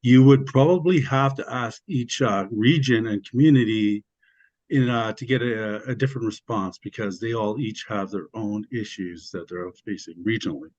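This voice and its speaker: Low-voiced man, halting with many pauses. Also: a little mellow, no echo, highs cut off. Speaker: panelist, agricultural researcher. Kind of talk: panel discussion answer.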